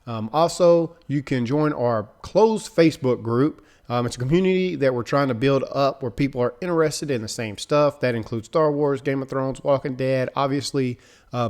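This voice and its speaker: This podcast host has a medium-pitched, slightly mellow male voice. He introduces his guests casually and jokily, with lots of filler words.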